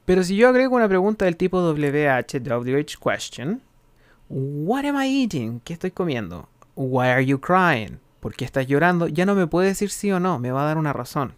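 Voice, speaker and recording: A man giving a recorded English grammar lesson, explaining in Spanish and reading English examples slowly and carefully. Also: a little high, big pitch swings, clean tone, dry recording. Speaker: English teacher.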